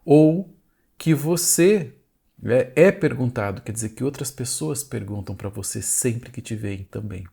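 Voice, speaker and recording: A man's voice: medium pitch, lively intonation, unhurried, gravelly, warm tone, husky. A man, a family communication educator, talks straight to the viewer in short, repeated phrases. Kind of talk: direct-to-camera explanatory talk.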